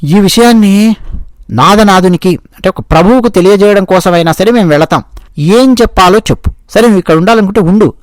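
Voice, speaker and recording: A man speaks as worried young hunters, pushing and insistent as they try to drag their friend home. The voice sits fairly high and sounds close and dry, as in a told folk tale. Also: fairly quick, no room sound, lightly acted. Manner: insistent, urging. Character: group of young male hunters, worried and urging.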